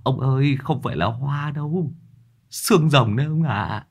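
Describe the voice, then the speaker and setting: A man's voice: medium pitch, normal speed, gravelly, a little mellow, pitched above the performer's own voice. A man voicing a nervous young male soldier who stammers as he speaks.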